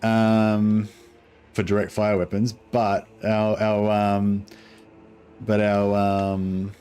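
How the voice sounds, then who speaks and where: A man's voice: fairly low pitch, monotone, very slow, mellow, clean tone. A man with a broad New Zealand accent giving casual gameplay commentary in a laid-back, sweary, rambling way. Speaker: gaming streamer.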